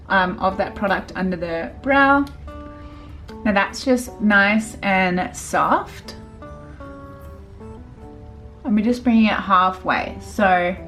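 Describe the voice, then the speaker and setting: A woman, a makeup artist chatting casually through a tutorial with lots of fillers. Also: mid-range voice. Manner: chatty, filler-heavy, relaxed.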